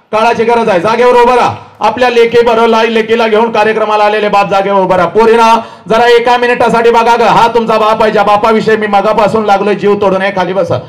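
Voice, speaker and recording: A man giving an impassioned public lecture to a live audience. He shouts, pleads and scolds his listeners directly. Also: sits high. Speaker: public speaker addressing an audience. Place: live event before an audience.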